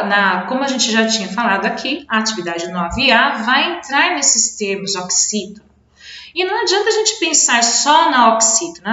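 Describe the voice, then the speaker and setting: Bright-voiced Brazilian woman teaching in an echoey room. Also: on the high side. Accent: Brazilian Portuguese. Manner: patient, explains slowly, repeats words and stresses syllables. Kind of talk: remote video lesson for children. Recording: echoey room, dull lo-fi sound.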